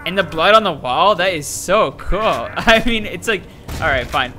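A young adult gaming streamer speaks at a moderate pace in a high-pitched voice, with soft background music, while playing a shooter on a headset at a desk in a small room. He keeps the let's-play commentary casual, excitable and jokey, and talks back to the game.

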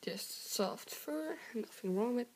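Slow, creaky young woman with a sore throat. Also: fairly high pitch, animated, slight background noise. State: hoarse with a cold and sore throat. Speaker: video host. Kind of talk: casual show-and-tell vlog. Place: indoor room with wooden floor. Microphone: handheld camera close by.

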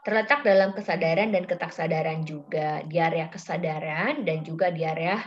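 A woman's voice: deep voice, fairly quick. A middle-aged woman giving an informal psychology lecture, chatty and full of fillers, acting out quoted exchanges. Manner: chatty, many fillers, acts out quoted dialogue. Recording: slightly dull lo-fi audio.

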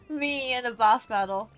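A woman streamer giving casual gameplay commentary, giggling often and talking to the characters on screen. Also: sits high. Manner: giggly, excitable, talks to the game characters.

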